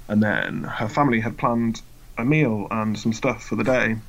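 A man's voice: fairly low pitch, fairly even intonation, normal speed, creaky, a bit bright. A British man talking casually, like a podcast co-host chatting with a friend. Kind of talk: casual chat. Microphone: remote internet voice call. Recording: slightly dull, lo-fi internet call audio.

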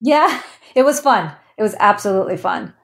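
In an interview, a woman in her thirties who comes from Ecuador earnestly tells the story of founding her company, laughing now and then. Her medium-pitched voice is expressive, a bit bright, and creaky, at normal speed.

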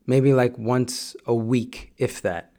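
A man's voice: mid-range voice, fairly even intonation, slow, mellow. A middle-aged man hosting a podcast, giving a direct, repetitive motivational monologue in a coaching tone. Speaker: podcast host.

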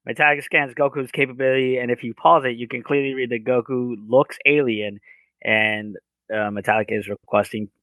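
A man co-hosting a podcast, recapping an episode's plot in a casual way with many filler pauses. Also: medium pitch, fairly even intonation, fairly bright tone, dry recording. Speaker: podcast co-host.

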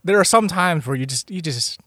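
A young man hosting a podcast, telling stories in a relaxed, rambling way full of fillers. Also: high voice, brisk, no room sound. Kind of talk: casual chat.

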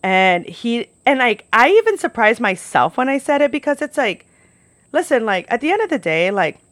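Very animated and fairly high-pitched, a young American woman connected to New York and Florida shares personal stories on camera as a podcast host, outdoors at home. She chats candidly at a moderate pace, sprinkling in "like," with a fairly bright tone. The sound is studio quality without echo.

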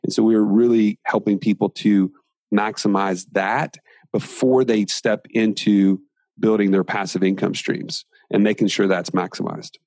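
Low-voiced man explaining in a dry interview. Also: steady tone, a little slow, darkish tone, no room sound. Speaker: guest entrepreneur.

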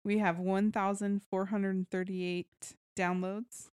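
A chatty woman podcast co-host with a middle-pitched voice who laughs often in easygoing talk. The sound is dry and close, with no room around it. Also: little pitch movement, takes it slowly, a little mellow, clear, resonant tone, dry recording. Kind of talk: casual chat.

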